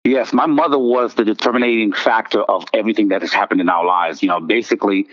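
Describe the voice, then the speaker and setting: A man from Haiti tells his life story as an interview guest, reflective and earnest. His voice sits low. The recording sounds dull and muffled. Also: quick pace. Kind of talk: testimony interview.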